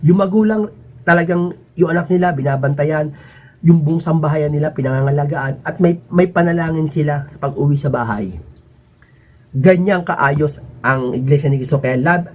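A man talking casually to his viewers in a rambling, emphatic way, his pitch swinging up and down. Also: lively intonation, moderate pace, a little mellow, dull audio, slight background noise. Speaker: vlogger.

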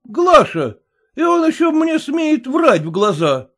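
A man reading an audiobook, voicing a hot-tempered middle-aged husband who scolds loudly and blusters at a servant. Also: high-pitched, very animated, normal speed, slightly rough, pitched above the performer's own voice, heavily acted. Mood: angry.

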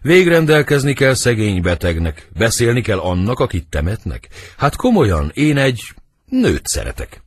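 A man reading the part of Romeo, a brooding lovesick young nobleman, in husky, lyrical verse for an audiobook. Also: huge pitch swings, dry recording. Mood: wistful. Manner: lyrical verse reading, wide swings in pitch.

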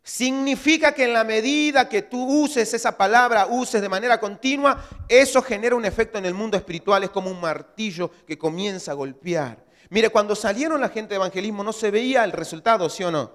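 Man, pastor, high voice, fiery preaching with soft asides, echoing church hall. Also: brisk, few pauses. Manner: swings from loud exhortation to hushed asides. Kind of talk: sermon.

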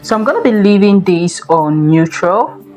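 A woman hosting a software tutorial, explaining each step in a steady, instructive way. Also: medium pitch, normal speed, soft background music. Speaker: tech tutorial host. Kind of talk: screen-recorded software tutorial.

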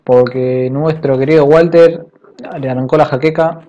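A young adult man doing excitable let's play commentary, talking to viewers with frequent exclamations. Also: medium pitch, normal speed. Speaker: gaming youtuber. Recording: slightly dull home mic with faint noise.

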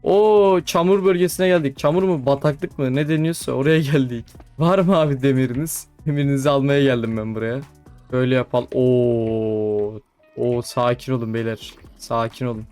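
Young male gaming YouTuber, casual chatty play-by-play, excitable, mid pitch, faint background music. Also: moderate pace, clear, resonant tone. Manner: chatty, talks to mobs, frequent excited exclamations. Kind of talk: casual gameplay commentary.

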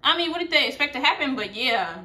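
A woman hosting a reaction video, chatty and exclaiming, quick to laugh at what she watches. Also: high voice, animated, sharp tone. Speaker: video host reacting to a series. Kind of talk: casual reaction commentary.

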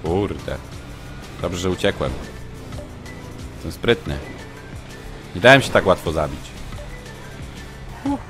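A man commenting live on his own gameplay, muttering to himself and breaking into shouts and yelps when things go wrong. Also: deep voice, takes it slowly, pauses often, over music. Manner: excitable, shouts and yelps when under fire. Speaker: gaming streamer.

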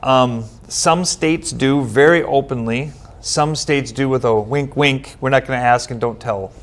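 A middle-aged Minnesotan, a longtime United Methodist pastor, sits at a table on a studio set with a bookshelf backdrop as an interview guest. He gives earnest answers, explaining steadily with everyday fillers, in an ordinary-pitched voice and a little slowly. The sound is clean and close.

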